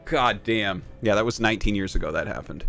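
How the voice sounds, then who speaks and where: A man's voice: lowish voice, fairly quick, creaky, a bit bright, faint music behind. Sarcastic, swearing man in his thirties. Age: 30s. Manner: profane, sarcastic. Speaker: game streamer. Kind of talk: casual storytelling and gameplay rant.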